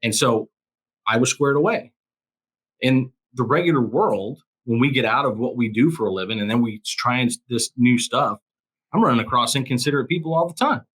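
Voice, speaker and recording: A man's voice: medium pitch, a little fast, a bit bright, husky. A man who once worked as a police officer and now coaches people through crisis, speaking as a guest in casual conversation. He talks with firm emphasis and often repeats phrases to drive his point home.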